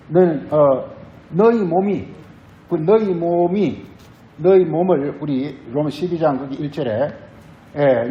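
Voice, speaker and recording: A man's voice: on the high side, reverberant, highs cut off. A male pastor giving a sermon, repeating phrases and asking the congregation questions. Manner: repetitive, asks the congregation questions.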